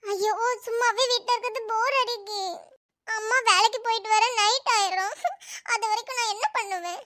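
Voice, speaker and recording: Cartoon little girl, very high squeaky voice, bright and crisp, close dry mic, whiny and pleading, done by a voice actor. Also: steady tone, normal speed, dry recording. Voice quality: high, pitch-shifted childlike voice. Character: young girl, restless and chatty. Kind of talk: cartoon voice acting.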